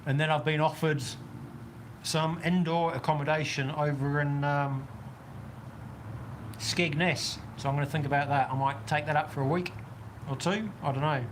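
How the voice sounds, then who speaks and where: A man with a New Zealand accent and a fairly high, steady voice chats casually on a livestream at a moderate pace, over a noisy background. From an outdoor weather shelter on a golf course, he rambles while answering viewer comments.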